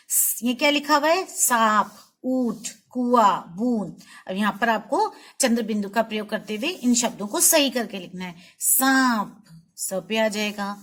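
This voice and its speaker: A woman teacher giving a patient, repetitive lesson to young children, saying words slowly and clearly. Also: fairly high pitch, a bit bright.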